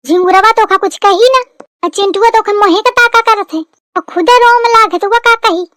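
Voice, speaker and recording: A woman's voice: very high-pitched, moderate pace, a bit bright, no room sound, clean studio sound. A woman voicing a suspicious, nagging village mother-in-law in a cartoon. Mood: accusing. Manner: scolding, nagging.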